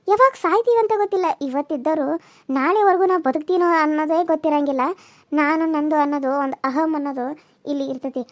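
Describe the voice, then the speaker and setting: A caring older village woman from a cartoon serial, put on by a woman. Her voice is high but a little lower than the girl she comforts, and she speaks on a dry, close mic. She consoles and lectures in a firm, steady way. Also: no room sound, lightly acted. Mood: reflective.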